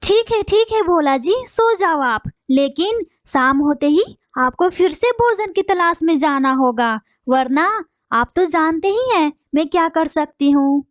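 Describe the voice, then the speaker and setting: A woman's voice: extremely high pitch, lively intonation, unhurried, hardly any pauses, dry recording. A woman voicing a bossy wife bird in a cartoon, scolding and threatening her husband.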